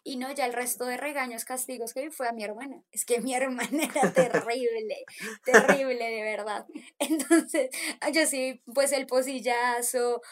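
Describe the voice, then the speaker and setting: A woman in her thirties with a Colombian accent, casually telling childhood stories with an animated manner. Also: fairly high pitch, moderate pace. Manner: animated, acts out voices in quotes, laughs often. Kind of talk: casual storytelling chat.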